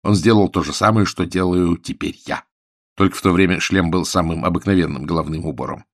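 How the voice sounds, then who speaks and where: A man's voice: low voice, brisk, dry recording, clean studio sound. A man voicing an impulsive young man in love who talks eagerly and keeps pressing his point. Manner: eager, insistent, repeats himself.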